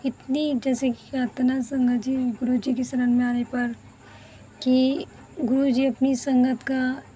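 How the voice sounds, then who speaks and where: Young female devotee, earnest testimony, higher flat voice, mellow tone. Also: a little slow, a little hiss or hum, poor audio. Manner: earnest, emotional storytelling, often addressing the congregation. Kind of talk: personal testimony.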